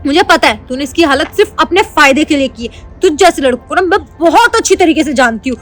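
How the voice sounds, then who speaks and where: A woman's voice: high voice, lively intonation, fast, fairly bright tone. A woman acting a stern, protective elder sister-in-law who scolds and lectures. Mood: angry lecturing. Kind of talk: web sketch acting.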